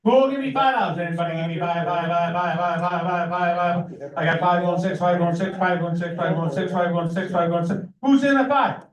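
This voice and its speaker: An American auctioneer with a high-sitting voice calls bids in a rhythmic, repetitive chant of numbers, fairly quick with few pauses. The microphone is distant and the room is echoey.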